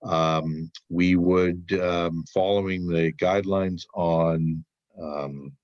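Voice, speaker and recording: A man with a congested, blocked-nose sound gives a halting, explanatory report at a public meeting, as a town administrator. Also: low voice, steady tone, a little mellow, dry recording. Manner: halting, searching for words. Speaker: town administrator presenting to a board. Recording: dull, muffled meeting audio.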